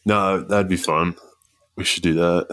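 A man co-hosting a podcast, chatting casually and telling stories in a relaxed way. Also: low voice, measured pace. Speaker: podcast co-host. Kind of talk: casual chat.

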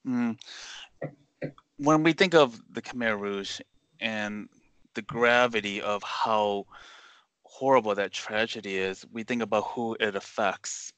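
A male podcast host with a lowish, bright and forceful voice. He talks in an earnest, respectful way. The sound is dry and close, with faint music behind. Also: slow pace, pauses often, clear, resonant tone, no echo. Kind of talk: podcast interview.

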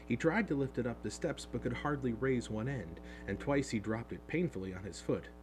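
A man narrating a storybook in an expressive, animated reading, heard over a steady hum. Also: medium pitch, brisk. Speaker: audiobook narrator.

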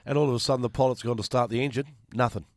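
An Australian man co-hosting a sports podcast, his voice husky from a cold, telling stories and laughing. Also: medium pitch, steady tone, very fast, no room sound, clean studio sound. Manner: storytelling, laughs often. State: husky from air conditioning. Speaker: podcast co-host. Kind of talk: casual sports podcast chat.

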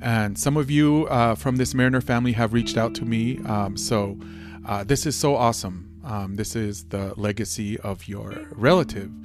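A man's voice: on the low side, moderate pace. A man hosts a podcast solo, talking in an informal, conversational way. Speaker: podcast host. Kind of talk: casual podcast monologue over music. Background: guitar music.

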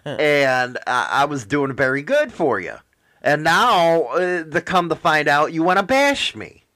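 A man's voice: on the high side, expressive, measured pace, pushed and bright. A man hosting a podcast in casual banter, teasing and profane. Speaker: podcast host.

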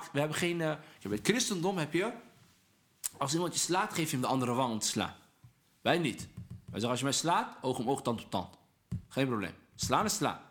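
A man speaking as a podcast guest, earnest and persuasive, preaching about patience and anger and mixing Arabic religious phrases into his talk. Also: fairly high pitch. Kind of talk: casual podcast conversation, preaching tone.

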